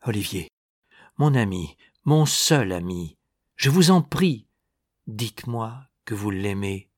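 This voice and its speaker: A man's voice: lowish voice, animated, slow pace, a little mellow, no echo, clean studio sound. A man reading aloud, voicing an aging woman who pleads desperately and falters through tears. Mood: pleading. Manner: breathless, faltering pleas.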